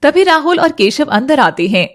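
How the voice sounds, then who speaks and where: A woman narrating a dramatized story in an expressive, dramatic way. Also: sits high, normal speed.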